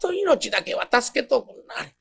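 Sly fox in a woman's guise, softly pleading in Kansai speech, as a male rakugo teller puts her on; gravelly husky edge. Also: very high voice, sing-song, fast talker, exaggerated voice. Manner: soft, humble, pleading Osaka merchant politeness. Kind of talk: rakugo storytelling.

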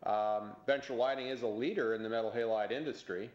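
A man's voice: mid-range voice, steady tone, a little mellow. A middle-aged executive speaks unscripted from an office and often halts on fillers. His voice is recorded through a teleconference setup, so it sounds dull and carries the echo of the room. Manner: halting, with many "uh" fillers and restarts. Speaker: company executive. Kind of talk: unscripted talk to camera over a teleconference.

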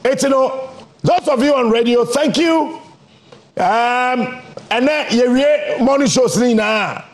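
A man's voice: very high voice, slow. A man with a Ghanaian accent hosting a radio morning show, commenting in Twi mixed with English. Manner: animated, switching between languages.

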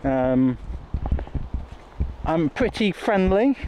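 Speaking extremely slowly in a slightly high, sing-song voice with a darkish tone, a vlog host walks through muddy woods holding his camera. His casual chat is hesitant and self-interrupting, and the outdoor audio is noisy.

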